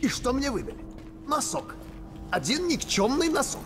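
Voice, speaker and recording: A man's voice: extremely high pitch, big pitch swings, normal speed, over loud music, exaggerated voice. A man voicing a disgruntled, complaining guard in a video game. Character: grumbling disgruntled male guard.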